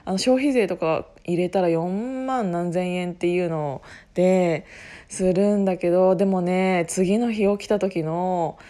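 Husky-voiced woman in casual solo chat. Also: fairly low pitch, measured pace, dark tone. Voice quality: husky, hoarse voice. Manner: rambling, self-interrupting, often laughing at herself. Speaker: podcast host making an announcement.

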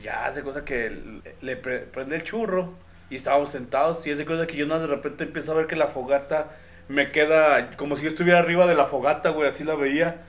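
A man's voice: a little high, a little fast, a bit bright, slight background noise. A man with a Mexican accent, co-hosting a podcast and telling stories in a slangy, laughing way. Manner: slangy, laughs often, acts out quotes. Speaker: podcast co-host. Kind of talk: casual chat, storytelling.

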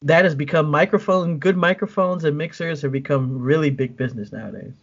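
An easygoing man with a fairly high voice chats on a podcast, stumbling over repeated words now and then. The audio is a little muffled. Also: brisk, husky. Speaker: podcast co-host. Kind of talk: casual chat.

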